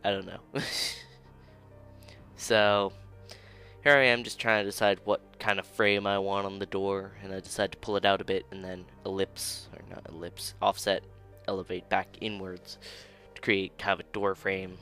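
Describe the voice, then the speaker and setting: A young man with a low, level, sharp-toned voice narrates his 3D modeling build at a normal pace over faint background music. It's casual screen-recorded commentary: laid-back and self-deprecating, with occasional chuckles and a weariness from rerecording.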